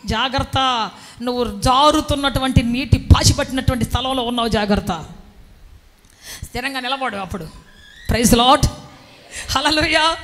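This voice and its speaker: A woman delivers a lively sermon in a high, ringing voice. She acts out little stories and bursts into shouted exclamations. A long reverb trails her words. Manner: animated, breaks into shouted exclamations. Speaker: preacher.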